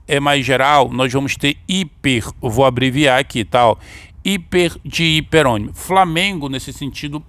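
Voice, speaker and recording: A man's voice: fairly high pitch, fairly bright tone, no room sound. A man with a Brazilian accent teaching an exam-prep grammar lesson, explaining step by step and often checking in with his listeners.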